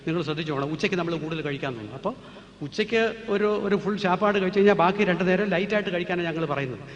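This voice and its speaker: A man with a high voice talks very fast during a public lecture on natural healing, firing off emphatic rhetorical questions as he answers the audience. The recording comes from an echoey hall and sounds dull and lo-fi, with faint background noise.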